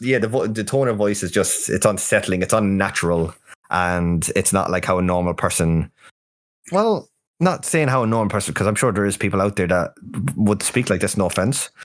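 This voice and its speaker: An Australian man with a deep, low voice talks through a film on a casual podcast. He rambles, doubling up words as he feels his way to a point. It sounds like an online voice call. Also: lively intonation, fairly quick. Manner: rambling, repeats words while searching for them. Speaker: podcast co-host.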